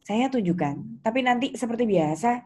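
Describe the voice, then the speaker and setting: Her voice sits a little high, expressive and mellow with a slight roughness, at a moderate pace. The Indonesian-accented accounting lecturer explains material informally to students and checks their understanding through questions.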